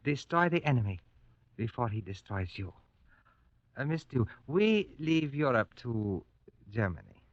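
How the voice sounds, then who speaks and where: An actor playing a polite, arrogant colonel in a grave 1940s radio war drama, speaking formally and condescendingly. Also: male voice, mid-range voice, sing-song, a little slow, pauses often, no room sound. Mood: boastful, cold. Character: suave, arrogant Japanese colonel, polite captor. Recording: muffled old 1940s radio recording.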